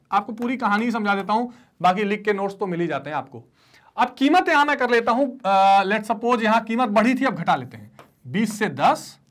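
A high-pitched male economics teacher delivers an online classroom lecture in a lively, swooping manner. He teaches through call-and-response, getting students to repeat key terms, then voices their replies and answers for them himself. English terms are mixed into his explanation.

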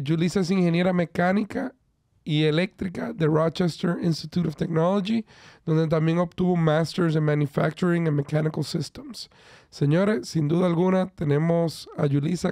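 A man's voice: a little high, darkish tone, no room sound, clean studio sound. Man hosting a podcast. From Dominican Republic. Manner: friendly, mixes in English phrases. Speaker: podcast host. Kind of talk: casual podcast interview.

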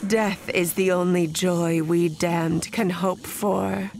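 A woman's voice: on the low side, steady tone, slow, gravelly, a crowd in the background. A woman playing a vengeful undead bride in an audio horror drama, solemn and dramatic, lapsing into whispers. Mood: grim resolve. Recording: noisy background.

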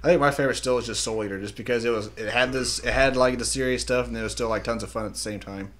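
Young male co-host, mid-range voice, relaxed and rambling, easy chuckle. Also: mid-range voice, very fast. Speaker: podcast co-host. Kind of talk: casual joking chat.

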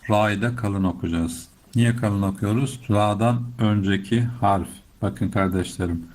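A middle-aged man teaching Quran recitation step by step, explaining patiently and chanting verses slowly. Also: on the low side, darkish tone. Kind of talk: slow step-by-step recitation lesson.

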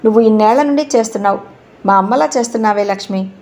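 A woman's voice: medium pitch, very fast, darkish tone, natural voice. A woman voicing an anxious, affectionate middle-aged father in an audio novel. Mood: praising. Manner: fretful.

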